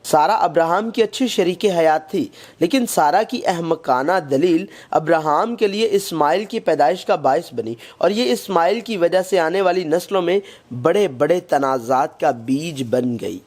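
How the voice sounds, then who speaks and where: A man reading a scripted Bible lesson in a measured, even way, quoting scripture as he goes. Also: a little high. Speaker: Bible study narrator.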